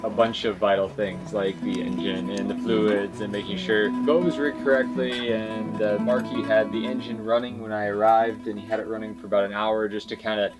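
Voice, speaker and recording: A man's voice: fairly low pitch, flat delivery, fairly quick, few pauses. A man who vlogs about sailing, recounting events in a casual conversational way. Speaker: sailing vlogger. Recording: music playing behind.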